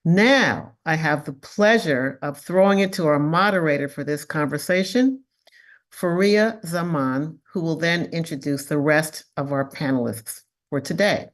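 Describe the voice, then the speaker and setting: A woman's voice: deep voice, unhurried. A woman hosting an online panel event, reading thanks and a guest's biography aloud. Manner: reads acknowledgments and a bio aloud. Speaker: event host. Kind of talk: scripted event introduction.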